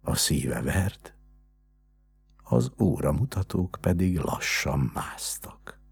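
A man narrating a story in a measured, hushed way, as scripted narration. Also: sits low, sing-song, creaky, slightly rough.

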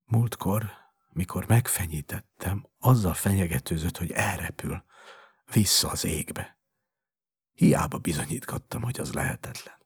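A man's voice: deep voice, breathy edge, no room sound. A man voicing a worried poet father who speaks in an agitated, emphatic way in a storybook reading. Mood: exasperated.

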